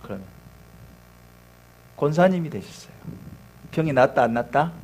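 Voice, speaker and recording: A man's voice: fairly high pitch, animated, moderate pace, darkish tone. A male pastor preaching a sermon, telling a story animatedly with rhetorical questions.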